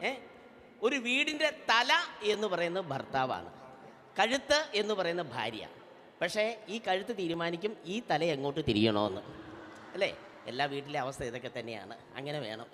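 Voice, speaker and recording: On a convention hall stage, a man puts on a full character voice, high-pitched, as a brash middle-aged auntie who teases and bosses the audience while working as comedian and emcee. He is loud, summons people to the stage, and keeps up banter with the crowd. There is slight background noise, and the convention hall PA echoes.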